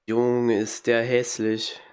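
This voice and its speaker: A young man with a cold speaks slowly in a completely flat, mid-range voice that is clean in tone and a little mellow. He's a gaming streamer using a headset in a small room at home, offering blunt, slangy, casual commentary on a video game with mocking reactions and occasional coughs.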